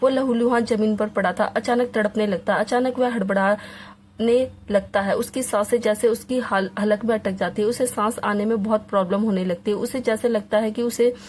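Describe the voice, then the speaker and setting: A woman narrating a Hindi audio novel in a dramatic, expressive reading style. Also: mid-range voice, normal speed, slight background noise. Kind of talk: scripted story narration.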